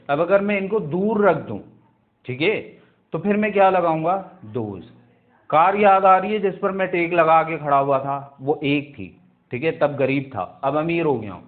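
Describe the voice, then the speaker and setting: A man teaching English grammar in a video lesson, drawing out words and checking in with his students again and again. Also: on the high side. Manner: drawing out words and repeating "theek hai" and "bhaiya" to check in with students. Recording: tinny phone-like sound.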